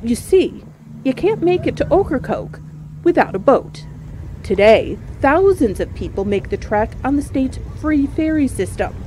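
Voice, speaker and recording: A woman's voice: high-pitched, big pitch swings, a little slow, warm tone, a little hiss or hum. A woman reporter reading scripted narration for a news feature.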